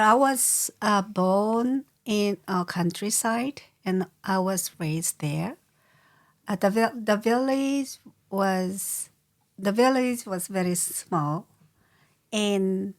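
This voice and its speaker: An older Korean-accented woman speaks as an interview guest, unhurried and halting, stopping often to search for words. Her voice sits at a middle pitch, and she talks at a slow, careful pace. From South Korea. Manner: slow, hesitant, many pauses and fillers. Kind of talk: casual interview.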